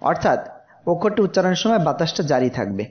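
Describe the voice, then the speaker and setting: A man teaching Quranic pronunciation in a slow, explanatory way, drawing out letter sounds as examples. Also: a little high, big pitch swings, lo-fi sound. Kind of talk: tajweed lesson.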